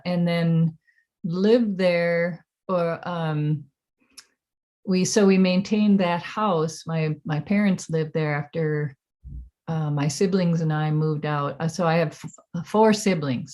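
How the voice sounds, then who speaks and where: An American woman in her seventies reminiscing in an oral history interview, halting and reflective as she recalls. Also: lowish voice, darkish tone. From Minnesota, United States. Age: 70s.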